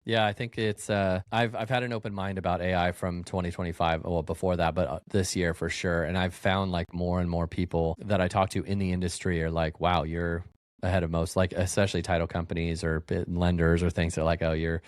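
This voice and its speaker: A man with a notably low voice hosting a relaxed podcast chat. His talk is loose and full of fillers, and the recording is dry and close with no room sound. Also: a little fast, no room sound. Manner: loose, filler-heavy, laughs easily. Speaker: real estate agent, podcast host. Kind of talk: casual podcast conversation.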